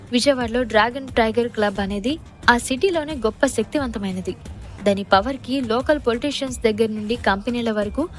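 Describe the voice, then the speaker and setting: A woman narrator telling a dramatic audio story in scripted, storytelling delivery. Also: a little high.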